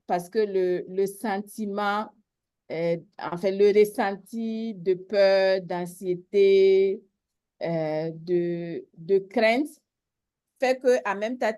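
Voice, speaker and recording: A woman taking part in a group discussion, reflecting aloud and often pausing to find her words. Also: mid-range voice, fairly even intonation, mellow, no room sound, clean studio sound. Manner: hesitant, searching for words. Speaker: participant. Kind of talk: reflective sharing.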